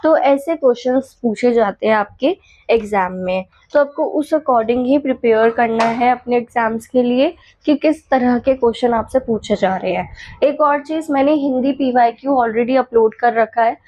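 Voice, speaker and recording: A woman teacher going quickly through exam revision points, listing definitions and checking in with the class as she goes. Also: fairly high pitch, darkish tone, dry recording, highs cut off.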